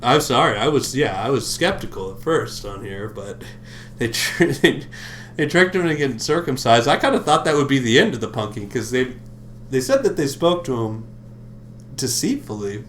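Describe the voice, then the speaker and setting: A man's voice: mid-range voice, lively intonation, normal speed, fairly bright tone, slight background noise. A man hosting a livestream, reading scripture aloud and breaking off into mocking, profane comedic asides. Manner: profane, mocking asides between read passages. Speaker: livestream host.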